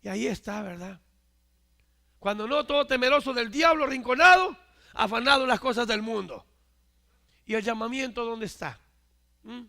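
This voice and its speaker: A male preacher delivering a sermon, emphatic, swinging from loud declarations to hushed asides and often asking his listeners for agreement. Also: very high voice, moderate pace, pauses often. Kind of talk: Spanish-language church sermon.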